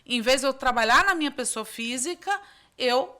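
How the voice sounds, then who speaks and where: A woman's voice: sits high, lively intonation, moderate pace, pushed and bright. A woman with a Brazilian Portuguese accent, an economist hosting a podcast, who often chimes in with agreement. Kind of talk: conversational interview.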